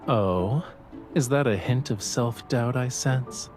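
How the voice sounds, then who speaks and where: A man's voice: mid-range voice, slow pace, music in the background, close to an everyday voice. Rafayel, teasing young sea god played by a man. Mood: teasing, reassuring. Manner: playful, teasing. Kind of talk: romantic game voice acting.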